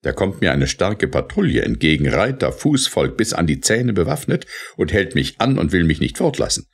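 A man's voice: low voice, sing-song, moderate pace, breathy edge, heavily acted. A man voicing an honest, frightened servant in an audiobook reading, rambling breathlessly through his tale. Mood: anxious telling.

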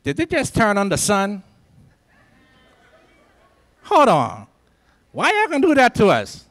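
His voice sits high and slow, fairly bright, with huge swings in pitch. He is a Liberian man in his forties, a symposium speaker stirring students in a large lecture hall by handheld mic, preaching with emphatic repetition.

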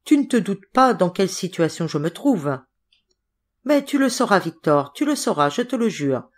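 A woman's voice: medium pitch, big pitch swings, moderate pace. A woman reading the lines of a frightened elderly father with an anxious, imploring manner. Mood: pleading.

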